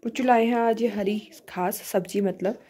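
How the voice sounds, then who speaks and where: A woman's voice: medium pitch, fairly even intonation, normal speed, mellow. A woman vlogger with an Uttarakhand Hindi accent, chatting casually to her phone camera at home and on a rooftop. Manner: coaxing, sing-song baby talk to a sulking child. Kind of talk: casual vlog chat. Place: home and rooftop in hill country.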